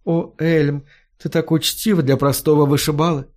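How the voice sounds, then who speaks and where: Gentle young singer woman, quiet and apologetic, as a male narrator puts her on. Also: on the high side, steady tone, normal speed, natural voice. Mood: soft. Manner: soft, embarrassed.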